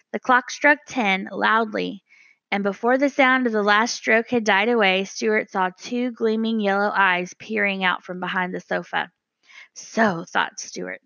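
A woman reading a children's storybook aloud as narrator, measured and gentle. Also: medium pitch, no room sound, muffled recording. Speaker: audiobook narrator.

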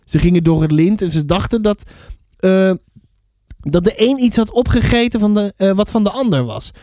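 A man reading a children's book aloud for a podcast, lively and stumbling now and then over words. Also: high-pitched, normal speed, no echo, clean studio sound. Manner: lively, with fillers and self-corrections.

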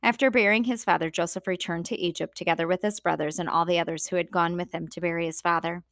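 A woman reading a Bible passage aloud and then giving a devotional talk that asks the listener gentle questions. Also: mid-range voice, no echo, clean studio sound. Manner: steady unhurried reading with small slips.

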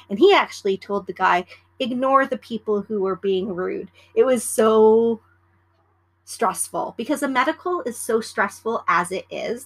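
A woman's voice: medium pitch, slightly rough, poor audio. Chatty woman, former flight attendant. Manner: chatty, animated, acts out passenger exchanges. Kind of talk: casual solo podcast chat. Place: at home in the evening.

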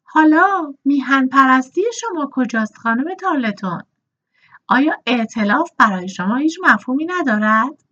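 Woman voicing a loud, pushy old planter. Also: high-pitched, expressive, highs cut off, voice pushed up, heavily acted. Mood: pressing. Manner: loud, persuasive, coaxing. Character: hearty older male plantation owner, pushy.

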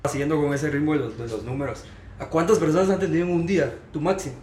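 A man interviewing a barber, asking quick, curious questions in a casual way. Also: fairly high pitch, darkish tone, roomy sound, a little hiss or hum.

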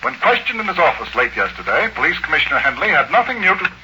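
A man's voice: fairly high pitch, big pitch swings, fast talker. A man playing an urgent newsreader delivering a 1940s radio bulletin. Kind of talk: 1940s news bulletin acting. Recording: old radio broadcast, faint noise.

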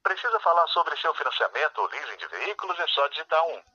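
Casting: Brazilian man as bank phone-line customer service voice, polite and informal, slightly husky, animated, telephone sound. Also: fairly high pitch, quick pace, dry recording. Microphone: recorded prompts heard over a phone call. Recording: dull telephone-line recording.

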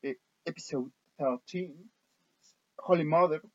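A man's voice: a little high, slow, dry recording. A man with a Mexican accent co-hosting a casual horror film podcast, listing titles with fillers and frequent laughs. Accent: Mexican Spanish. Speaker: podcast co-host. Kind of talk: casual chat about horror films. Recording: dull dry lo-fi audio.

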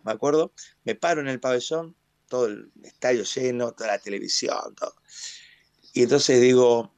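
An Argentine man from Mar del Plata, a stadium announcer, tells his stories in a radio interview with expansive pride. His voice sits at an ordinary middle pitch. The sound is dry and close. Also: no room sound. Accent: Argentine Spanish, Mar del Plata. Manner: animated storyteller, proud and expansive.

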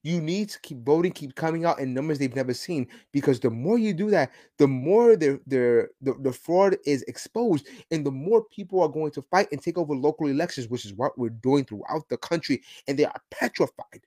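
A man's voice: on the high side, expressive, fairly quick, hardly any pauses, warm tone. A man hosting a podcast, giving an emphatic, ranting political commentary monologue. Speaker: podcast host.

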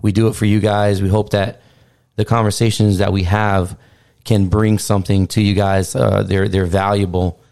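Male podcast co-host, middle-aged, very deep pitch, casual conversational delivery. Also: little pitch movement, moderate pace, gravelly, a little mellow, clean tone.

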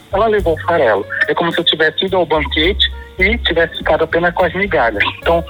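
Speaking in a slightly high, bright voice with a forceful delivery, a guest from Pará, Brazil, talks through regional slang in detail during a relaxed conversation. His accent is Paraense Brazilian Portuguese, and the audio quality is rough.

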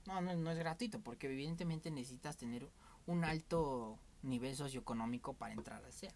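A young Mexican man with a Mexican accent hosts a podcast, sharing candid stories in loose, rambling conversation. He speaks briskly in a medium-pitched, somewhat dark voice.

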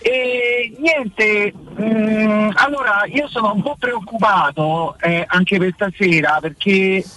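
A male caller comes through a car speakerphone, his voice high for a man and bright. He talks haltingly, stopping and repeating words as he makes his point. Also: poor audio. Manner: hesitant, stumbling, repeats words. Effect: speakerphone call from a car. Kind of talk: phone-in chat.

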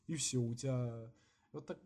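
Man chatting casually, halting, mid-pitched. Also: fairly even intonation, warm tone. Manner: halting, with many false starts and repeats. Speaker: podcast co-host. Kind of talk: casual chat with slang and swearing.

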